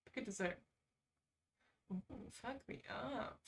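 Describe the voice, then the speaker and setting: A slightly high, gravelly-voiced woman takes her time speaking, recorded from a distance. Hosting a casual livestream, she chats loosely, reads quizzes aloud, and slips in sarcastic comments as she reacts.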